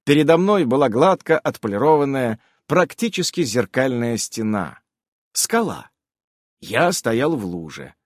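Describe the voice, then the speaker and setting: Animated male fantasy audiobook narrator. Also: medium pitch, unhurried, no echo, clean studio sound.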